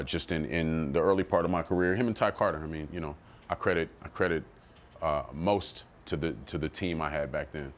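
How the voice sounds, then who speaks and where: Deep-voiced man telling rap stories. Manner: loose and animated, slips into quoted voices, swears freely. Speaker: rapper telling his story. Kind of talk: casual interview storytelling.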